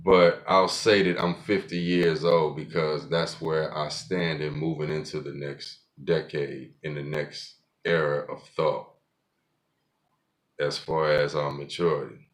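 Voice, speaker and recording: A man in his forties hosts his podcast solo, speaking in an extremely low, flat voice at a measured pace. His casual monologue is blunt, profane and rambling, with frequent sentence restarts.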